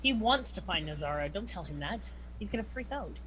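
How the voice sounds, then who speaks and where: A woman's voice: mid-range voice, animated, a little fast, fairly bright tone, slightly rough, rough recording. A woman playing a tabletop role-playing game, chatting casually and speaking for her character.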